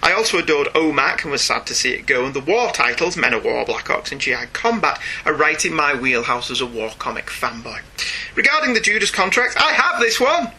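On a rough recording with a little hiss or hum, a northern English man speaks briskly in a voice on the high side, with a Northern English accent. He hosts a casual comics podcast, reading listener emails and drifting into animated, joking asides.

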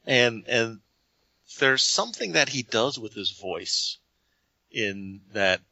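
A man's voice: mid-range voice, lively intonation, slow, bright, forceful tone, dry recording, dull audio. A man co-hosting a podcast, talking emphatically about an album and repeating himself as he builds a point. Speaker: podcast co-host. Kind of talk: casual album discussion.

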